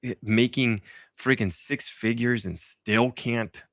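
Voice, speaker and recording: A man's voice: medium pitch, fairly even intonation, takes it slowly, fairly bright tone, dry recording, studio quality. A man hosting a political talk podcast, speaking casually and sarcastically, with lots of fillers and restarts. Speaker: podcast host.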